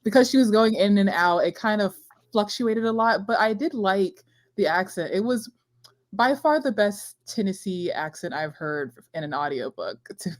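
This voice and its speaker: Mid-pitched woman, thoughtful and chatty. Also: expressive, moderate pace. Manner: thoughtful, laughs mid-sentence. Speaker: guest host. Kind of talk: casual livestream chat.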